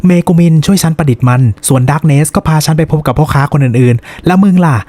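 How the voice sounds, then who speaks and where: Man doing a crude young adventurer, blunt and quick. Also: on the high side, a little mellow, dry recording, lightly acted. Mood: scolding. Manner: blunt and vulgar.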